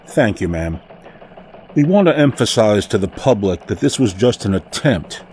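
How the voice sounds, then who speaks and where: A man playing a formal, calm, reassuring elf security chief in a scripted radio interview. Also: fairly low pitch, a little hiss or hum, lightly acted. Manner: formal, measured official. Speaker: security official.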